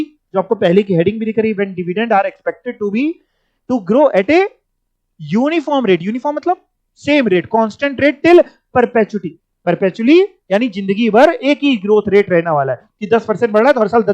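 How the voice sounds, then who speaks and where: High-voiced teacher. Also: male voice, a little mellow, no room sound. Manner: explains step by step, repeating words and prompting students. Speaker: finance teacher. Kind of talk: classroom lecture. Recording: dull, dry lo-fi recording.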